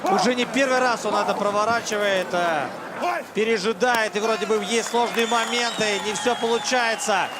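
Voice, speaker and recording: A man's voice: high voice, fairly even intonation, normal speed, heavy background noise. A man giving live commentary on a mixed martial arts fight. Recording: loud crowd and music behind. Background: arena crowd and music.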